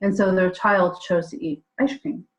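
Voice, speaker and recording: Co-host, woman with a lower voice, chatty storyteller on a remote call. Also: fairly even intonation, normal speed, poor audio. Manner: tells stories with quoted dialogue. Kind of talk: casual podcast chat. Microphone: remote call mic. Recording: audio dropouts on a call.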